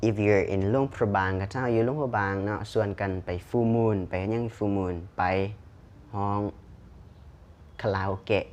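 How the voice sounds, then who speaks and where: A man with a Lao accent teaching English pronunciation, repeating each word slowly and clearly. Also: on the low side, steady tone, a little mellow. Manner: switches to slow deliberate English at the sign-off. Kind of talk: pronunciation lesson.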